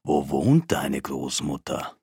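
A woman voicing a sly, hungry male wolf who speaks slowly and coaxingly. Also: a bass voice, big pitch swings, mellow, husky, no echo, studio quality, voice pushed down, full character voice. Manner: slow, coaxing and sinister.

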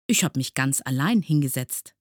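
A woman voicing a cheeky, calm childlike creature who answers in a friendly, matter-of-fact way in a storybook reading. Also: rumbling low, normal speed, dry recording, clean studio sound. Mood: cheerful.

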